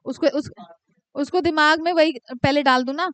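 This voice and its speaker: A woman teaching commerce to a class, dictating questions slowly and teasing students by name. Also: high-pitched, fairly even intonation, a bit bright. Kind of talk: live classroom lecture.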